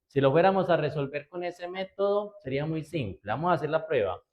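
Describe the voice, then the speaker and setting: A man's voice: a little high, lively intonation, a little fast, highs cut off. A man teaching a spreadsheet class, explaining step by step in a patient way and often checking that his students follow. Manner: patient, step by step, checks understanding with frequent "¿cierto?". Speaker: computer class instructor.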